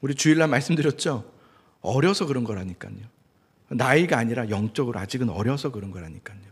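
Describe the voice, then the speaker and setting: A male pastor preaching a sermon in an animated way, acting out quoted speech. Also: medium pitch, brisk, slightly rough. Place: church sanctuary. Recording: church hall reverb.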